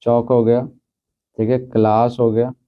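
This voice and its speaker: A man teaching a school lesson, reading textbook questions and answers, then repeating them slowly with frequent check-ins. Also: medium pitch, little pitch movement, smooth. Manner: repeats answers, fills with "theek hai". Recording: slightly dull lo-fi recording.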